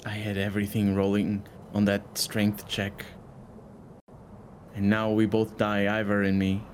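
A man's voice: lowish voice, completely flat delivery, unhurried, a little hiss or hum. A man playing a tabletop role-playing game, asking questions eagerly and sometimes tripping over his words. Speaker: player. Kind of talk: casual tabletop game play.

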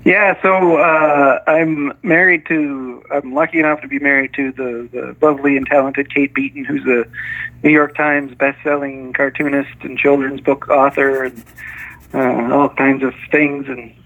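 A man's voice: medium pitch, unhurried. Hesitant man on a tinny phone line. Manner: hesitant, many restarts and small laughs. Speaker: author and guest. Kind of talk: casual interview chat.

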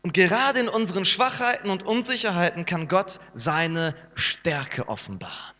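A man preaching a sermon as pastor, lively and animated, sometimes acting out the voices he quotes. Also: high-pitched, moderate pace. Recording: long reverb with mains hum.

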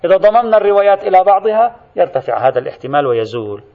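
A fast-paced man delivers a methodical jurisprudence lesson, pausing to define terms. His voice sits a little high for a man. The recording is dull and lo-fi. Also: very animated, creaky. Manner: methodical, explanatory, quotes narrations and glosses words. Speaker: Islamic jurisprudence lecturer. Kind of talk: religious lecture.

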